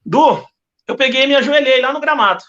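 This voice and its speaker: A man's voice: extremely high pitch, fairly quick, fairly bright tone, lo-fi sound. A man with a Brazilian Portuguese accent giving an earnest religious testimony as a podcast guest, telling his story with lots of repetition.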